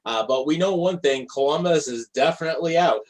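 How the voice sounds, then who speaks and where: A man hosting a casual live sports podcast, talking in a relaxed way with plenty of fillers and reading out stats in a steady run. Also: a little high, a little fast, poor audio. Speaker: podcast host.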